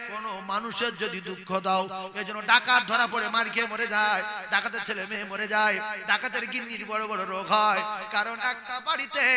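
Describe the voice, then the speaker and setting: Man, preacher, high voice, theatrical shouting sermon. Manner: shouting, sing-song and dramatic, acts out stories. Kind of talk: Islamic sermon at a gathering. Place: religious gathering with audience.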